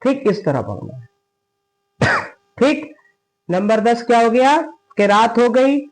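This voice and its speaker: High-voiced man teaching prayer steps. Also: expressive, poor audio. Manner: asks and answers his own questions, frequent "theek hai" checks; slow drawn-out recitation of prayer phrases. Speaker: religious teacher. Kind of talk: step-by-step prayer lesson.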